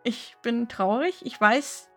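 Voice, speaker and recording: A woman's voice: on the high side, slow, music in the background. A woman from Bavaria with a light Bavarian accent, co-hosting a casual podcast chat and poking fun at herself. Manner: self-mocking, laughs at herself. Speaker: podcast co-host.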